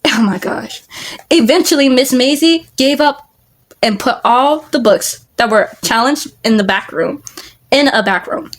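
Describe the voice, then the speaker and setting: A woman's voice: on the high side, animated, measured pace. A woman vlogger casually reading a book aloud, stumbling over words and restarting lines.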